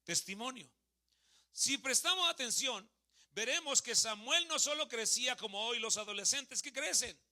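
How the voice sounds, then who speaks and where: This Mexican preacher, in his thirties, has a very high voice and keeps a moderate pace. Speaking with a Mexican Spanish accent in a church hall, he stays lively, quizzing the congregation and joking with them.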